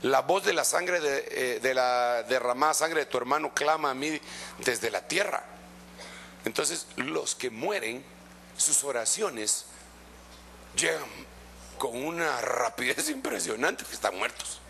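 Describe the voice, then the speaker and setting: A middle-aged male pastor with a Guatemalan accent, preaching in an impassioned, conversational way that swings from loud exhortation to hushed asides. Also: medium pitch, expressive, unhurried, gravelly, slight background noise. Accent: Guatemalan Spanish. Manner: conversational, addressing listeners as brother. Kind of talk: preaching sermon.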